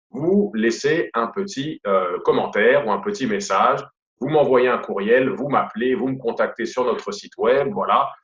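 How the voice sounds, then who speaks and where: A man's voice: fairly low pitch, fairly bright tone. A man with a Quebec French accent giving a casual sales lesson, chatty and full of fillers and repeated stock phrases. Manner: chatty, repeats "voilà" and "tout simplement", many fillers. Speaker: sales trainer. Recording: roomy, dull lo-fi audio.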